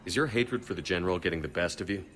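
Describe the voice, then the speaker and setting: A steady military commander in a video game. His voice is low and he talks briskly. He stays pragmatic and matter-of-fact, with a level head. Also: a little hiss or hum. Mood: questioning, measured. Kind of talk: dramatic video game voice acting.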